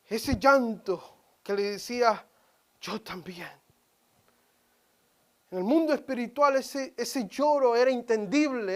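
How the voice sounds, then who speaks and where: A woman preaching a sermon in church, dramatic, swinging from loud cries to hushed whispers. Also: fairly high pitch.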